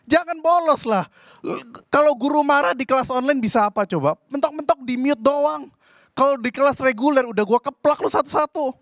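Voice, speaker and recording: Indonesian male stand-up comic, high voice, dry sound, exasperated rants. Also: lively intonation, a little fast, a bit bright, dry recording. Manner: exasperated ranting. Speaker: stand-up comedian. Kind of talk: stand-up comedy set.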